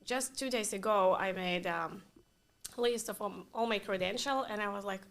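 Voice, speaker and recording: A designer whose first language is Russian appears as a guest in a casual interview. She pauses to search for words and uses non-native phrasing, and her mid-range voice is a bit bright.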